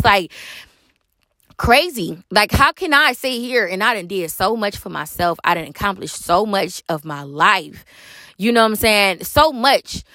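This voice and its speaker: A young woman speaks frankly and emphatically, swearing freely as she hands out dating advice. Her voice sits fairly high for a woman. The recording is close and dry, with no room sound. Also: fairly bright tone, no room sound. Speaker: vlogger. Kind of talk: casual dating advice monologue.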